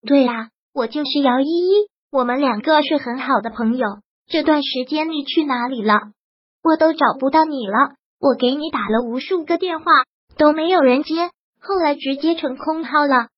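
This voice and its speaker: A woman's voice: sits high, normal speed, no room sound, muffled recording, lightly acted. A woman voicing a lonely, downcast young actress who talks in an earnest, pleading way, in a storybook reading.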